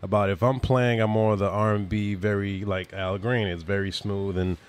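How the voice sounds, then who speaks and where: A man's voice: on the low side, steady tone, moderate pace, clean tone. A man from the Bahamas, a musician guest on a podcast, explaining in a laid-back way and often checking in with the listener. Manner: laid-back, keeps checking in with "you know". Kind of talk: casual interview.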